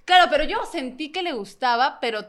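A woman's voice: high-pitched, lively intonation, a little fast, a bit bright. A young woman co-hosting a casual chat, sharing her own anecdote in a chatty way. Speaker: podcast co-host.

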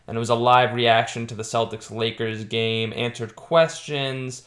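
Mid-pitched man introducing a podcast. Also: steady tone, moderate pace, fairly bright tone. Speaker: podcast host.

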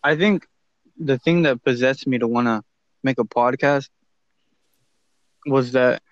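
A young man co-hosting a podcast over his phone and earphones, telling a story in a laid-back, halting way. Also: medium pitch, dry recording, dull audio. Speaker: podcast co-host. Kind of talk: casual chat. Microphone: earphones on a phone call.

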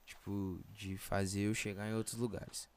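A man's voice: lowish voice, level tone, moderate pace, a little hiss or hum. A young man with a Brazilian Portuguese accent telling anecdotes in casual, slangy chat full of verbal tags. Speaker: rapper, podcast guest.

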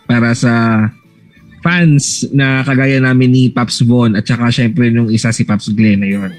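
Relaks na lalaking host ng kuwentuhan. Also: male voice, mid-range voice, fairly even intonation, unhurried, soft background music. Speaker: podcast host. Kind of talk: casual chat.

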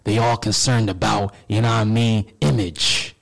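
A man's voice: fairly low pitch, steady tone, normal speed, vocal fry, poor audio. A man who stutters, giving a personal motivational talk, repeating words and restarting phrases with a constant "you know what I mean".

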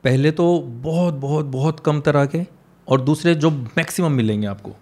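A man's voice: a little high, normal speed, darkish tone. A man, an English teacher with a slight Punjabi accent, chatting casually and telling stories while mixing Hindi and English. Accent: Punjabi-tinged English. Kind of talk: casual conversation.

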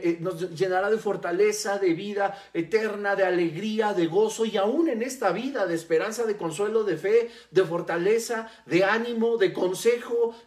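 A preacher delivering a sermon, stressing key words by slowing down and repeating them. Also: mid-range voice. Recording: roomy echo.

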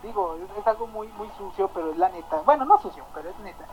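A Mexican woman hosting a radio show, telling a story in a chatty, slangy, animated way. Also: medium pitch, quick pace, over music, poor audio. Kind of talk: casual storytelling chat.

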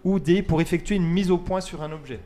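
A man's voice: high-pitched, a little fast, mellow. A man hosting a casual radio quiz, reading multiple-choice questions, counting down and joking with his co-hosts. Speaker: quiz host.

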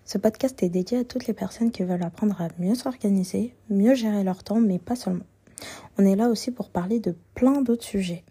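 A woman with a sore, husky throat, talking informally and thinking aloud as she hosts a relaxed, unscripted solo podcast. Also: medium pitch, brisk. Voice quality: husky, soft-edged. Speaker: podcast host.

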